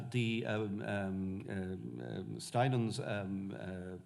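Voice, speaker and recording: A man with a West of Ireland accent giving an informal history lecture, pausing often with ums and uhs. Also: fairly low pitch, darkish tone. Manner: halting, frequent um and uh pauses. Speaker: guest lecturer, Benedictine monk.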